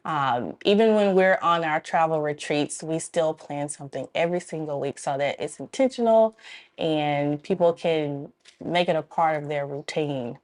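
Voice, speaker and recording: A woman's voice: low-pitched, moderate pace, darkish tone. A woman from Memphis, Tennessee, a club co-founder speaking as an interview guest, friendly and explanatory, laughing often. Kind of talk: casual interview talk.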